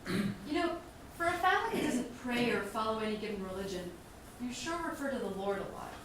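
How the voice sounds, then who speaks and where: A calm, measured partner. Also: female voice, on the high side. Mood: earnest. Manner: measured, reflective. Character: calm thoughtful partner of the daughter, outsider at dinner. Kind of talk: film drama dialogue. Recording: roomy distant mic, faint hiss.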